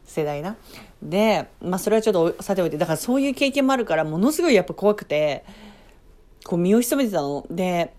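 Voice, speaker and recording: A woman's voice: lowish voice, sing-song, fast talker, a little mellow. A woman casually telling a story on her own as a podcast host, chatty, breaking off for playful asides and acting out sounds and reactions.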